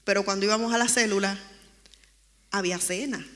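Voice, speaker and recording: A woman's voice: mid-range voice, steady tone, a little fast, fairly bright tone, long reverb tail. A woman giving an earnest, emotional personal testimony during a church interview. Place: church sanctuary.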